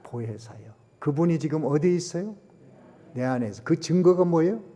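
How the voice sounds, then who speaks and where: A man's voice: a little high, expressive, moderate pace, mellow. A male Korean pastor delivering an emphatic sermon, posing rhetorical questions to the congregation. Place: church sanctuary. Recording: long church hall reverb.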